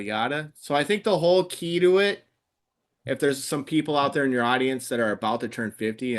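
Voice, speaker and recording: A fifty-year-old man, a podcast guest, talking in an easygoing, blunt way in casual chat. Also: mid-range voice. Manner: easygoing, plain-spoken, gives blunt advice.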